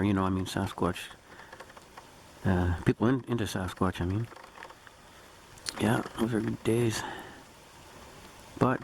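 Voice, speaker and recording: Gravelly, folksy Canadian man outdoors. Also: lowish voice. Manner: folksy, laid-back, colloquial with tag "eh". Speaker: amateur Sasquatch researcher filming his outings. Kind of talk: casual outdoor vlog commentary. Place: outdoors in bushland. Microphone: handheld camera mic. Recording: noisy handheld outdoor camcorder audio.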